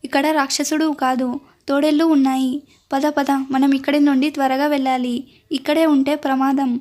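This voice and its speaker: A woman's voice: high-pitched, flat delivery, normal speed, darkish tone, natural voice. A woman voicing a playful, teasing young man who protects a queen in a storybook tale. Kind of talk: storytelling narration.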